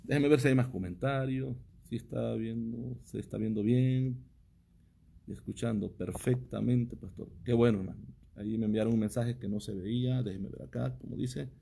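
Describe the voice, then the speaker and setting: A man's voice: mid-range voice, fairly even intonation, normal speed, gravelly, mellow, slight background noise. A man, a pastor giving a livestreamed teaching sermon, reading viewer comments and asking his audience one rhetorical question after another.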